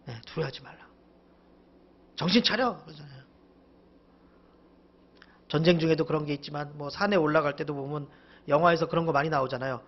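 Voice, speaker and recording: A man's voice: fairly high pitch, steady tone, brisk, long pauses, muffled recording. A male pastor preaching a sermon, asking the congregation questions and acting out stern rebukes with emphasis.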